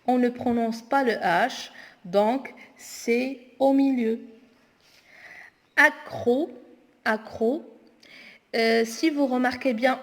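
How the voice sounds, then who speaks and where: A woman teacher going through homework exercises aloud, slowly and deliberately spelling words out. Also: a little high, darkish tone. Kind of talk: spoken homework correction lesson. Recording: long echoing reverb.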